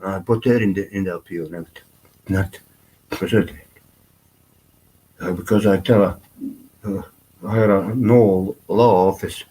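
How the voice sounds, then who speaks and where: A man with a low-pitched voice rambles through a personal vlog. His talk is loose and full of fillers, restarts and casual swearing. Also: fairly even intonation, normal speed, pauses often, warm tone, a little hiss or hum, rough recording.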